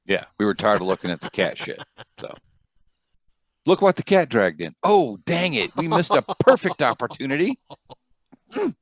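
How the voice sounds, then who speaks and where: Lively American male podcast host. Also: medium pitch, moderate pace, long pauses, no echo, clean studio sound. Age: middle-aged. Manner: joking, informal. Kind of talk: casual chat.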